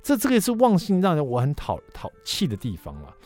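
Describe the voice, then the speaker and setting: A middle-aged man, a radio show host telling a funny story about himself in an animated way. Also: on the high side, fast talker, soft background music. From Taiwan. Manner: animated, self-mocking anecdote telling. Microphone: studio microphone.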